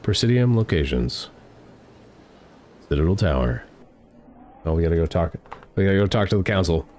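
At home on a headset, a let's play streamer in his thirties chats enthusiastically over his gameplay and reads the choices aloud, his nose stuffy from a cold. His low voice swings widely in pitch at a moderate pace and sounds a little mellow.

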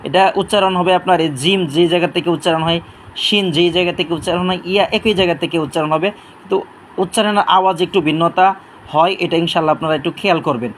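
A man teaching Arabic letter sounds, stretching each one out slowly to demonstrate it. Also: high voice, fairly bright tone, a little hiss or hum. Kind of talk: online Quran letter lesson.

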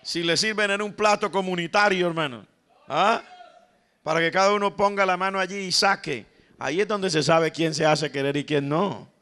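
A Colombian man preaching a sermon in a bright, forceful voice that sits a little high. He tells stories and acts out what the people in them say, turning often to his listeners as "brother". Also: moderate pace. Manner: storytelling preacher, calls the congregation "hermano", acts out the quoted lines. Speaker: pastor.

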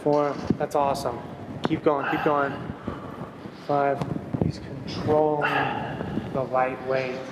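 A man's voice: medium pitch, little pitch movement, takes it slowly, long pauses. Cheery guy personal trainer counting reps, echoey gym, noisy background. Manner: upbeat, encouraging, counting reps. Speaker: fitness trainer. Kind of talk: coaching a workout demonstration. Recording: echoey hall with background noise.

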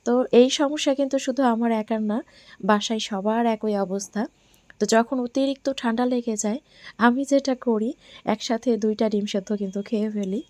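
A woman from Bangladesh in her thirties, hoarse from a cold, narrating her day softly as a home vlogger. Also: a little high, moderate pace, no echo. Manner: soft, quiet talk. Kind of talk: casual voice-over narration.

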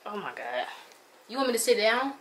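A woman's voice: mid-range voice, big pitch swings, brisk. A young woman in casual chat, teasing and questioning someone in a bedroom. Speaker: vlogger's partner. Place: bedroom at home. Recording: echoey room with background noise.

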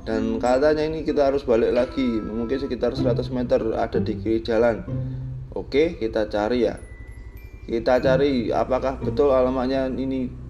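A man's voice: medium pitch, fairly even intonation, moderate pace, highs cut off. A man riding a motorbike through village roads, giving jokey running commentary to his viewers. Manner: chatty, jokey, addresses viewers as "Lur". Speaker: motovlogger. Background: background music.

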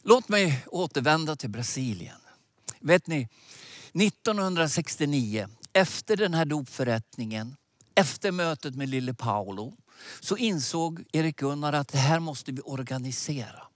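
High-voiced, animated man preaching outdoors. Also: dry recording, clean studio sound. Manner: animated preaching with emphatic gestures. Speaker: preacher and mission leader. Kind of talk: sermon. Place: outdoors by a lake. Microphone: headset mic.

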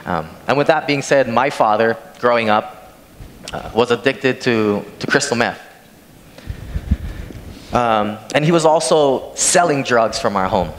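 A man's voice: medium pitch, a little slow, pauses often, fairly bright tone. A young man from Hawaii preaching a sermon in a large church sanctuary, reading scripture and then telling a personal story in a plain conversational way as he walks the stage with a handheld mic. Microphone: handheld microphone from a far camera. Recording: long church hall reverb, faint noise.

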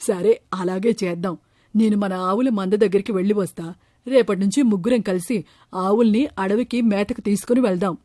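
A woman's voice: mid-range voice, moderate pace, dark tone, no room sound, studio quality, voice pushed down, natural voice. Woman doing a worried village father. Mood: troubled. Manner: earnest, worried.

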